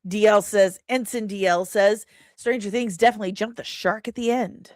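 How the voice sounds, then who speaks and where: A woman with a mid-range, darkish voice keeps a steady tone and a normal speed while hosting an entertainment news livestream. She reads the chat and answers playfully and irreverently, calling people pet names and using slang. The studio audio is clean with no echo.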